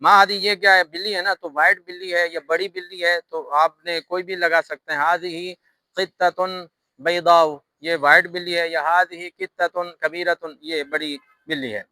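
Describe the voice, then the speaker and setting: A man's high voice, steady and sharp in tone, leads an Arabic grammar lesson in a Pakistani Urdu accent. He patiently repeats each rule step by step. The recording is dry and rough.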